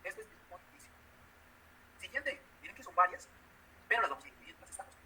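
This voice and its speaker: A male math teacher gives a classroom lecture on logic, explaining step by step and quizzing students with everyday examples and questions. His high, very bright voice swings widely in pitch as he talks fast, on a rough recording with a faint hiss behind him.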